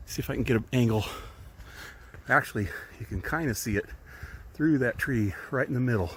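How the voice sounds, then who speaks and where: A man's voice: medium pitch, fairly quick, fairly bright tone, a little hiss or hum. A man giving a casual, rambling tour of his tiny workshop outdoors, filled with ums and restarts, recorded on a handheld camera. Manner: rambling, chatty, with many ums and self-corrections. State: a little out of breath. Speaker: hobby woodworker giving a shop tour. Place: outdoors at an RV park among trees.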